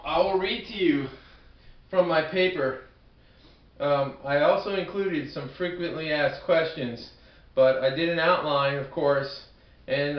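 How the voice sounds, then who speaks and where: A man with a Brooklyn accent presents like a student in a homemade video, picked up from far off in an echoey room. His delivery is halting and humble, doubling back on words, in a mid-pitched voice. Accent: Brooklyn, New York. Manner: halting, self-deprecating, repeats words. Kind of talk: informal amateur video presentation. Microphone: camcorder at a distance. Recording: echoey room, distant muffled camcorder microphone.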